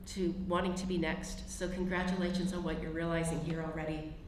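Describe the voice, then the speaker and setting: A Canadian government official, a woman with a lowish voice slightly croaky from travel, speaks off the cuff at a business event with energy and a conversational manner. She's in a large hotel conference room, and the recording is very echoey with faint background noise.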